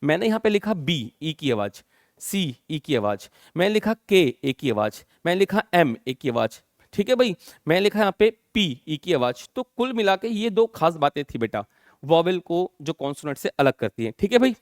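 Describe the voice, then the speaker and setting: A male teacher with an Indian accent lectures his class in a high, lively voice that swings widely in pitch. He keeps checking that his students follow him and slows right down to spell out definitions word by word. The sound is dry and close, with no room echo. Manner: addresses students as children, asks constant check questions; slowly dictates English definitions word by word. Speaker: English teacher.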